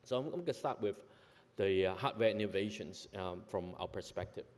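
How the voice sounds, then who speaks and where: Hong Kong executive at a podium, lowish voice, halting delivery, long hall reverb. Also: male voice, a little mellow. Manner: hesitant, many fillers and self-corrections. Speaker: conference speaker, company executive. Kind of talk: conference presentation. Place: large conference hall.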